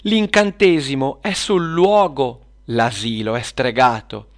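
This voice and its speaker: A man voicing a quick-thinking young superhero girl who leads the plan. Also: mid-range voice, pitched above the performer's own voice. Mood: urgent. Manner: eager, urgent.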